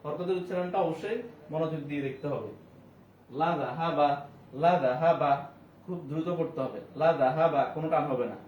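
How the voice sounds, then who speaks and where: A man teaching Quran reading, spelling out each word letter by letter and slowly chanting the verses. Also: a little high. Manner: slow, repetitive drilling with melodic recited verses. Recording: roomy, dull distant sound with faint hiss.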